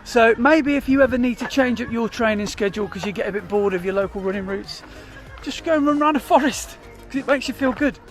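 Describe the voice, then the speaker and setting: Weary British male running vlogger, higher-pitched, candid and chatty, music in the background. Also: fast talker, hardly any pauses. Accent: British English. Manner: chatty, candid, self-deprecating. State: tired and dizzy mid-run. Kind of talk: casual vlog narration.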